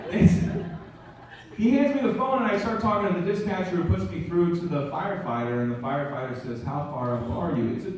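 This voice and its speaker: A man's voice: fairly high pitch, far from the mic. A man joking and chiming in casually on stage during a guest's story. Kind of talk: casual onstage banter. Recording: very echoey hall, mic from afar, noisy.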